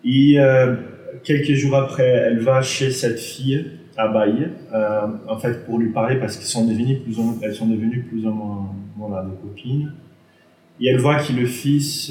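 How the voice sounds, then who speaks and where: A man's voice: medium pitch, darkish tone. A non-native man with a foreign accent in French gives an informal presentation, hesitating, searching for words and correcting himself. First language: not a native French speaker. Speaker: artist presenting an exhibition. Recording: roomy echo, distant microphone.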